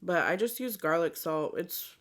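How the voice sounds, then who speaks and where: Woman, slightly low voice, casual mukbang vlog chat, unhurried rambling storytelling. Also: fairly even intonation. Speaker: mukbang vlogger.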